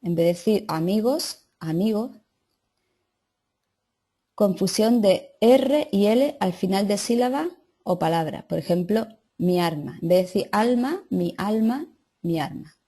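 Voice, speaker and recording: A woman's voice: mid-range voice, animated, normal speed, mellow, slightly rough. A woman teacher reading lesson notes aloud and adding casual asides to her students. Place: classroom or online class.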